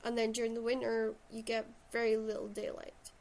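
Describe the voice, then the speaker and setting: A woman's voice: a little high, monotone, fairly quick, a little mellow. A woman with a Shetland accent chatting casually and enthusiastically about books as a host. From Shetland, Scotland. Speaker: podcast host and writer. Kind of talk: casual book chat.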